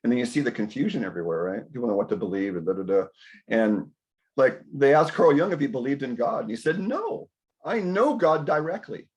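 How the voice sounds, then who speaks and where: A middle-aged man hosting a casual group health discussion, rambling through animated stories and asides. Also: mid-range voice, quick pace. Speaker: health talk host.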